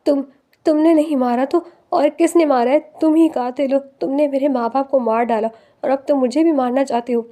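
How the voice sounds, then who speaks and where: A woman voicing a terrified young wife who shouts in frantic fear, with a high voice. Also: steady tone, lightly acted. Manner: shouting, raised and strained.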